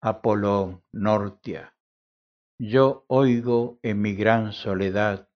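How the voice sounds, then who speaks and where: A man giving a solemn, declamatory literary reading of a first-person monologue, with long pauses between phrases. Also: on the low side. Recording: dull lo-fi sound.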